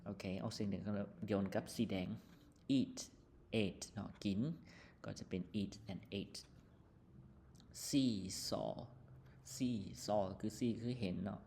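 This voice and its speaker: A male teacher with a Lao accent explaining an English textbook lesson, reading English words slowly, then explaining them quickly with many fillers. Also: on the low side, a little mellow, a little hiss or hum.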